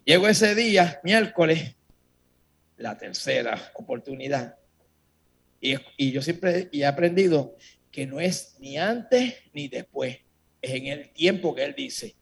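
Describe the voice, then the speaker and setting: A man giving a religious testimony to a congregation, telling his story in a lively way and speaking straight to his listeners. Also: on the high side, takes it slowly, gravelly, slightly rough.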